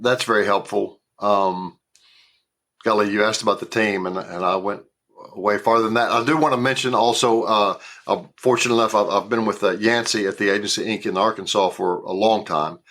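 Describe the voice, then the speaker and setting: A man in his sixties with a Southern US accent speaks with fairly low pitch at a moderate pace, his tone fairly bright. He's an actor guest chatting casually in an interview, often repeating words and restarting.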